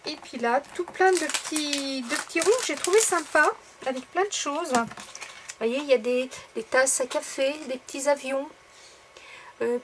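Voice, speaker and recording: A woman's voice: high-pitched, a little hiss or hum. A woman chatting casually to viewers as she shows off craft supplies she bought, with lots of fillers and asides. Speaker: craft vlogger. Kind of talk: casual haul video.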